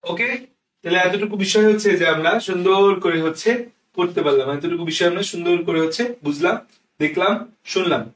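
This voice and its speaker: A young man from Bangladesh teaching a biology exam-prep lecture, drilling terms with quick questions and answers. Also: sits high, fairly bright tone, far from the mic. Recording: echoey room, mic set back.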